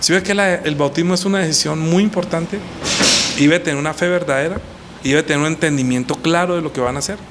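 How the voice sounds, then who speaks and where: A pastor teaches a baptism class in a lively, animated way, reading scripture and acting out quoted speakers. His voice sits fairly high for a man. A faint hum of the room is heard behind him. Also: fast talker. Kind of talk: teaching sermon.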